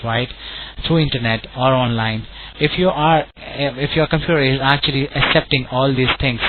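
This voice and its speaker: Indian call center agent on a tinny phone. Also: male voice, mid-range voice. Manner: polite, wordy, repetitive, often saying sir and all right. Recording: tinny phone line with clear noise.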